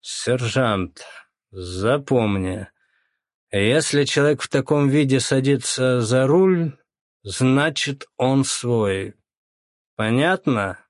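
A man's voice: lowish voice, lively intonation, slow pace, creaky, no echo, studio quality, heavily acted. A man voicing a tipsy, cocky young male police officer with easy, slightly slurred speech.

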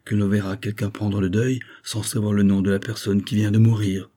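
A man's voice: lowish voice, flat delivery, a little fast, dark tone, close to an everyday voice. A man reading the lines of a proud, sulky young boy in an audiobook, sullen and defiant.

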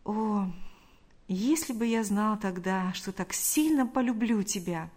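A tender young man speaks softly to the woman he loves, remorseful and sighing in an audiobook love story. A woman narrator voices him in a middle-pitched voice. His lines stay gentle and quiet. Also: slow pace. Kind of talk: audiobook reading.

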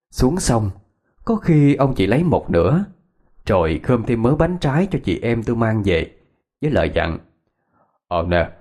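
A man's voice: mid-range voice, mellow. A man narrating a ghost story in a reminiscing storyteller's cadence.

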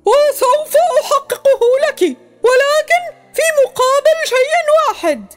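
A woman's voice: extremely high pitch, animated, measured pace, voice pushed up. A woman voicing a cunning male jinn in a storybook reading, with a crafty, bargaining manner. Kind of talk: storybook voice acting.

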